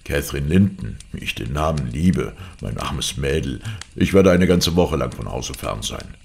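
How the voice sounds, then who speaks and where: A man reading an audiobook aloud, voicing a cold, threatening villain in a slow, menacing way. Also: rumbling low, animated, gravelly, darkish tone, exaggerated voice.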